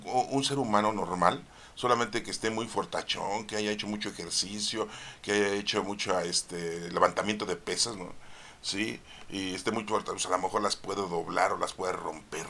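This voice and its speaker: A man explaining a Bible reading in a chatty, conversational way. He keeps checking in with his listeners and pauses on "este" while he looks for words. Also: lowish voice, pushed and bright. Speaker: preacher.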